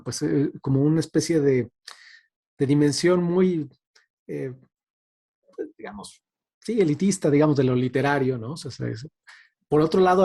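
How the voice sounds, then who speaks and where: A mellow, mid-range male voice belongs to a guest speaker giving an informal academic talk about radio drama. He comes across as thoughtful and hesitant and repeatedly checks for agreement with tag questions.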